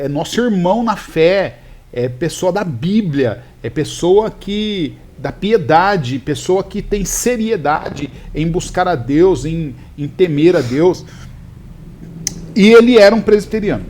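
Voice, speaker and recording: A male pastor explaining scripture in a casual chat, telling it with animated restarts and fillers. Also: high voice. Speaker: pastor, podcast co-host.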